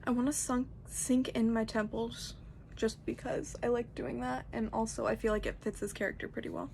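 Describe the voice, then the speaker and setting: A woman's voice: on the high side, little pitch movement, moderate pace, creaky, heavy background noise. A young woman giving a casual, chatty tutorial, rambling informally with lots of "like". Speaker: makeup tutorial host.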